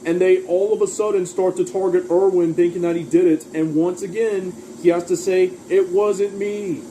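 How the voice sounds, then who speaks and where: Man, cartoon reviewer, very dark mellow tone, slightly high pitch, rambling recap, faint hum behind. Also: level tone, a little fast, low-quality recording. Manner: rambling plot summary with quoted lines. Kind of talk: casual episode recap.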